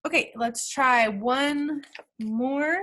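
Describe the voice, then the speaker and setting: A woman's voice: high-pitched, very slow, fairly bright tone. A woman teacher talking through math problem steps aloud in a recorded lesson, checking in with the class as she goes.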